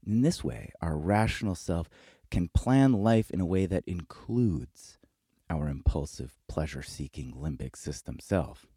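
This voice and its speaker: A man narrates a scripted video essay in a low, husky voice. His delivery is measured and reflective. The recording is dry and close. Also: lively intonation, warm tone, dry recording.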